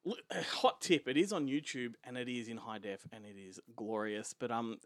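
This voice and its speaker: A man's voice: mid-range voice, moderate pace. An Australian man co-hosting a podcast, telling a film's story in casual chat and laughing often. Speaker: podcast co-host.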